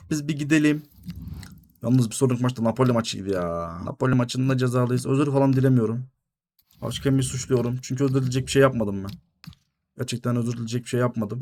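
A young man commentating his own football video game, shouting at goals and griping at the referee. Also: mid-range voice. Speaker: gaming YouTuber.

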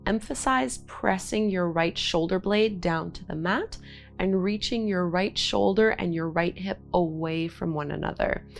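Soothing, creaky-voiced woman yoga teacher. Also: on the low side, measured pace, soft background music. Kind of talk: guided yin yoga instruction. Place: indoor home studio room, seated and lying on a mat.

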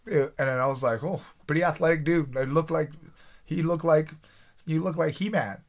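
Guy from taiwan in his 40s telling war stories on a podcast, animated, keeps restarting sentences. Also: a little high, normal speed. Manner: animated, restarts often, quotes himself. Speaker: guest, former fighter. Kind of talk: casual interview storytelling.

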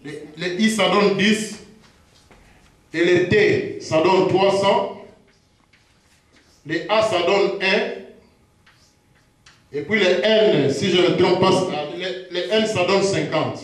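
Slow high-voiced preacher, very echoey. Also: male voice. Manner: slow, repetitive, hesitant. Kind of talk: sermon teaching. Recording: very echoey room.

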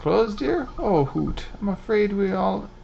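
A man's voice: sits high, sing-song, a little slow, gravelly, a little mellow, dull audio, slight background noise, voice pushed up, full character voice. A man voicing a fussy old shopkeeper lady who hoots like an owl. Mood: prim. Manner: prim, hooting.

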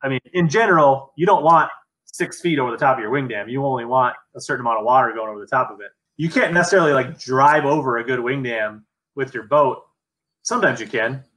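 A man hosting a fishing podcast asks questions and thinks aloud in casual interview talk. His mid-range voice is fast and sharp, captured at low quality through a webcam on a video call.

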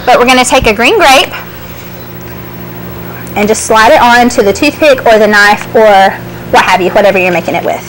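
A woman's voice: on the high side, normal speed, long pauses, fairly bright tone, a little hiss or hum, low-quality recording. A young woman co-hosting a local TV cooking show, chatty and upbeat as she explains each step. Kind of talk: casual cooking demonstration. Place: small indoor TV studio set.

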